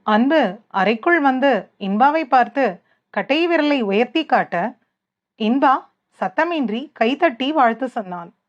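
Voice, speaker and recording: A woman storyteller reading a novel aloud in a plain, even way. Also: sits high, takes it slowly, long pauses. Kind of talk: audiobook novel narration. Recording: dull lo-fi.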